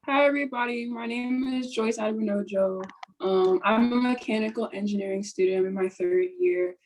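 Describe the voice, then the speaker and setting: A young woman in her twenties, a student, introducing herself in a relaxed, friendly way on a video call. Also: a little high, normal speed, low-quality recording.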